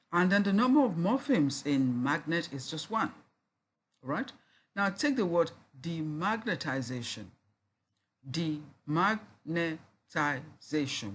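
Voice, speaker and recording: A university lecturer with a slightly husky, breathy voice, delivering a recorded lesson. The delivery is slow and deliberate, with each example word repeated to sound it out and letters spelled out one by one. The pitch sits in an ordinary middle range.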